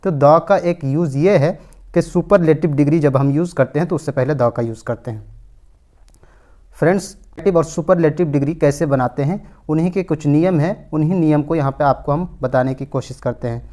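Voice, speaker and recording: A man teaching English grammar, who asks himself questions and answers them, and reads English examples slowly and deliberately. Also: fairly high pitch, warm tone. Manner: repeats rhetorical questions to students. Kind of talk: explanatory lesson.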